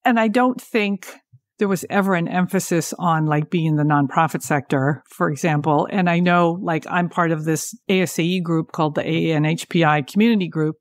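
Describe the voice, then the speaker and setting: A woman's voice: low voice, a little fast, dry recording, studio quality. A woman hosting a podcast interview. She talks in a conversational way and asks open questions. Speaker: podcast host.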